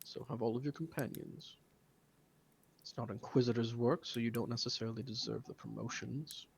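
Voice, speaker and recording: A stern older father of high church rank, voiced by a man. He speaks slowly and gravely in a low, measured voice in a tabletop game. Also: steady tone, a little hiss or hum, close to an everyday voice.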